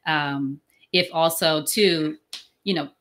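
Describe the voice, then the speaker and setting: Low-voiced, bright-toned woman host. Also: takes it slowly. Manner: reflective, affirming, thinks aloud. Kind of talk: interview conversation.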